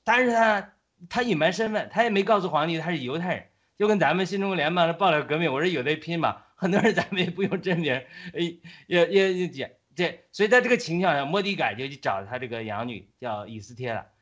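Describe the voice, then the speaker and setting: A man speaking as a guest on a casual talk show, retelling a story with plenty of hesitations and restarts. His voice sits a little high and swings widely in pitch. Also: fast. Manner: animated retelling with many fillers and restarts.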